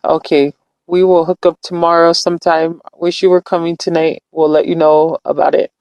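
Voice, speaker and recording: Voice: medium pitch, level tone, moderate pace, a little mellow, dry recording, dull audio. A live-streamer from California talking in a casual, earnest, reflective way, rambling with frequent restarts. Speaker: livestreamer.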